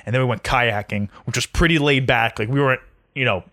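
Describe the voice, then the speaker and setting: A man in his twenties co-hosting a podcast, chatting casually and telling animated stories, swearing freely. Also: medium pitch, fairly quick. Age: 20s. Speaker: podcast co-host. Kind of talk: casual chat.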